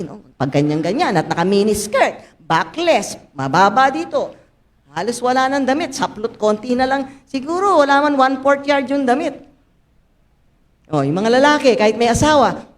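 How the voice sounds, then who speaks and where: An older woman pastor with a Filipino accent, preaching a sermon in a church, mixing Tagalog and English, speaking straight to her congregation and rising suddenly into loud, dramatic lines. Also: on the high side. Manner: addresses the congregation directly, asking them to raise hands.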